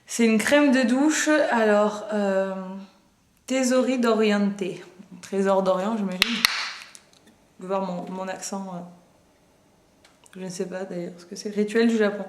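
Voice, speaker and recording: A woman's voice: mid-range voice, reverberant, a little hiss or hum. A woman in her twenties chatting casually through a beauty box unboxing, hesitant with frequent fillers and self-mocking jokes. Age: 20s. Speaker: beauty vlogger.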